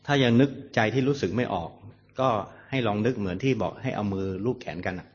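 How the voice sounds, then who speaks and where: A man teaching meditation, answering questions in a slow, measured dharma talk with pauses between phrases. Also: medium pitch. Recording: dull lo-fi recording.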